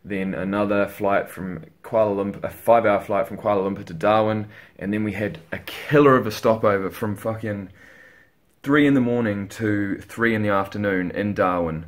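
A tired young fitness vlogger chats casually to a webcam in his bedroom for a home vlog, rambling and swearing as he goes. His voice is on the low side, with fairly even intonation, at a normal speed.

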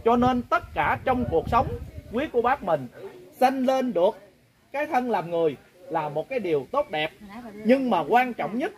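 Southern Vietnamese male lay preacher, high voice, folksy earnest storytelling to a pilgrim group. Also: animated, normal speed. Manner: folksy, earnest, keeps addressing listeners directly.

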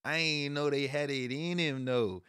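An American sports vlog host and streamer in his thirties chats laid-back and slangy to camera from a small room at home. His fairly high voice is bright and clean, with fairly even intonation and a measured pace. The sound is echo-free studio quality from a close stand mic, and he's wearing a headset.

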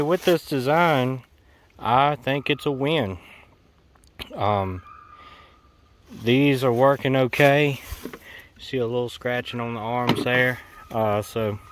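Outdoors on a rural homestead, a man with a Southern US accent and medium-pitched voice narrates a DIY project off the cuff, with slight background noise. His unscripted how-to talk is folksy, plain-spoken and a little rambling.

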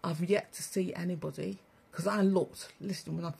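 A woman's voice: fairly low pitch, fairly even intonation, normal speed, creaky, a little mellow, husky. A woman giving a blunt, preachy spiritual monologue to listeners she calls family, swearing freely as she rants. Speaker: spiritual broadcaster. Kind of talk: ranting livestream monologue.

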